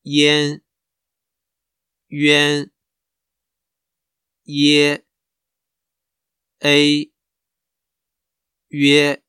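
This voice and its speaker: A man who slowly and carefully pronounces single model syllables for a lesson. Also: on the high side, monotone, pushed and bright, clean tone, dry recording, clean studio sound. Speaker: model speaker for pronunciation. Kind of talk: slow, careful model pronunciation.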